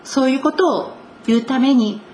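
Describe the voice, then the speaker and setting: A woman gives a sermon from the pulpit, leaning on important words with slow, earnest emphasis. Her voice sits a little high. A faint hiss of room noise runs underneath. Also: a little mellow. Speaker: pastor.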